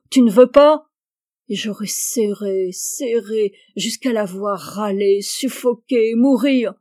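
A woman's voice: mid-range voice, mellow, no room sound, clean studio sound, close to an everyday voice. A woman voicing a tormented, jealous husband in a dramatic audiobook reading, with intense, obsessive outbursts. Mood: raging, obsessive. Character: jealous, tormented husband raging over his wife.

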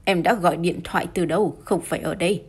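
Huffy rich guy blustering away, low husky voice, woman reading him in an audiobook. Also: quick pace. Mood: indignant. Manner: angry, loud and huffy. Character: indignant rich middle-aged man, blustering.

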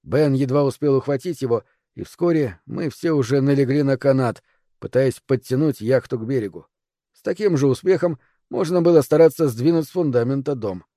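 A man reading a first-person audiobook in a measured, even voice. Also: mid-range voice, no room sound, clean studio sound. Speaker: audiobook narrator. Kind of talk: scripted first-person narration.

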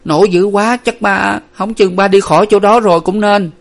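A man's voice: sits high, fast, pitched above the performer's own voice, natural voice. A man reading a storybook aloud, voicing a timid, fearful younger sister who whimpers anxiously. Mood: frightened.

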